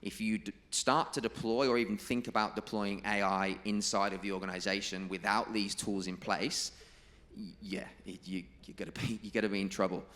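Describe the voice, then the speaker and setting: A man giving a presentation to a live audience, emphatic and stressing key figures and quotes by repeating them slowly. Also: on the low side, little pitch movement, fairly bright tone. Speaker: conference presenter. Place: conference room.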